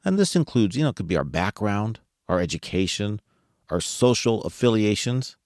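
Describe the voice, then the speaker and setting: Man, podcast host, low voice, lively pitch, casual monologue, chuckles, dry close sound. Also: normal speed, no room sound. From United States. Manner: conversational, asks listeners rhetorical questions; chuckles while talking.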